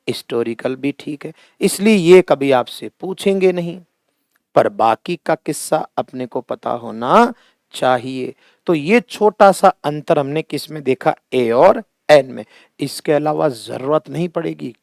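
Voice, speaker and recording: A man's voice: mid-range voice, vocal fry, darkish tone, no echo, clean studio sound. A middle-aged man teaching a classroom lesson at a board, speaking with a Hindi accent, drawing out words to stress how they sound and calling his students fondly by family terms. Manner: slow, emphatic, drawn-out words when stressing pronunciation; addresses students fondly as "beta" and "bhaiya".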